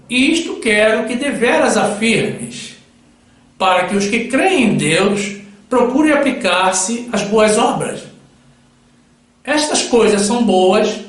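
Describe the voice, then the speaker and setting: High-voiced male preacher, solemn slow sermon, lively pitch, very echoey room. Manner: solemn, addresses listeners as brothers. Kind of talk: sermon with Bible readings.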